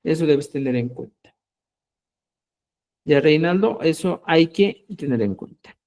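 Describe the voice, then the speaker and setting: A man teaching a live online language class, explaining slowly and patiently and checking often that his students follow. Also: on the high side, lively intonation, darkish tone.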